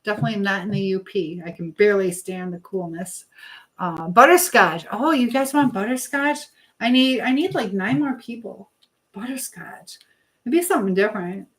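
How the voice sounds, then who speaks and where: An expressive, medium-pitched woman speaks at normal speed while hosting a casual livestream. Middle-aged and from Michigan in the United States, she reads out comments and replies in an encouraging way. She's talkative, bouncing from thought to thought without finishing them.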